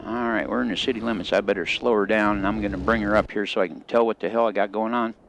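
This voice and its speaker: A man's voice: on the low side, steady tone, fast talker, fairly bright tone, slight background noise. Folksy middle-aged man telling stories. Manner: folksy, rambling drawl with country grammar. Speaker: gaming channel host. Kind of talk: storytelling while playing a driving game.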